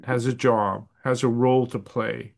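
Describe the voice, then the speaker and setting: A man's voice: medium pitch, little pitch movement, a little slow, vocal fry, darkish tone. Curious man interviewer. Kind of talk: interview questions.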